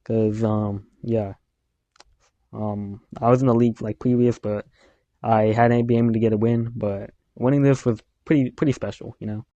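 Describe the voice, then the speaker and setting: A man's voice: on the low side, fairly even intonation, moderate pace, warm tone, dry recording, lo-fi sound. A young man talking about his racing league, hesitant and full of ums and restarts. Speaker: league member. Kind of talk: casual chat.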